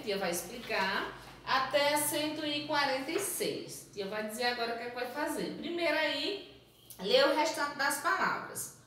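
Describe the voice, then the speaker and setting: High bright-voiced teacher in an echoey room. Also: female voice, distant mic. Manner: patient, sounds out letters and syllables slowly, calls pupils "amores". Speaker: primary school teacher. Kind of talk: recorded phonics lesson for young children. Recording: very echoey room, voice off-mic, faint noise.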